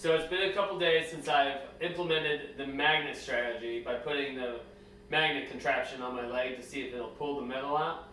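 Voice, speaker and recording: A man's voice: medium pitch, fairly even intonation, moderate pace, bright, forceful tone, roomy sound, slight background noise. A man vlogging at home, explaining step by step in plain, casual speech. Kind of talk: casual home-video narration. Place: room in a house.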